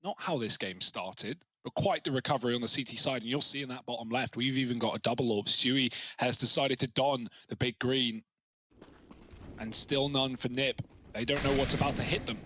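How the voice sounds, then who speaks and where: A man giving fast play-by-play commentary on an esports match, getting excited on big plays. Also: medium pitch, no room sound. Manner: excitable, rising to loud cheers on big plays. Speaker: esports caster.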